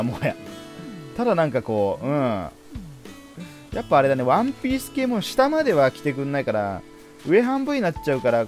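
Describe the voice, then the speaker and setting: A man giving casual let's play commentary, chatting playfully to the characters on screen as he plays. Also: mid-range voice. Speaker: game streamer.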